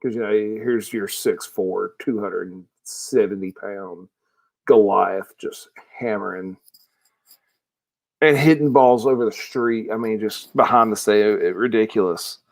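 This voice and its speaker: A man's voice: lowish voice, unhurried, gravelly. A man co-hosting a casual sports podcast, rambling with restarts as he weighs his pick. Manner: rambling, many restarts, enthusiastic. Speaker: podcast co-host.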